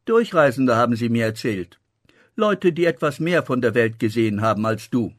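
A man's voice: mid-range voice, animated, moderate pace, no room sound, lightly acted. Guy doing a nosy pot-bellied innkeeper, teasing and suspicious, storybook voice, dry sound. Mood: defensive. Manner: teasing, mock-indignant.

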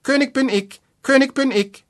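A man voicing a tiny, boastful and cunning wren with a fine, piercing high voice in a storybook reading. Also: moderate pace, slight background noise. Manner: crowing triumphantly.

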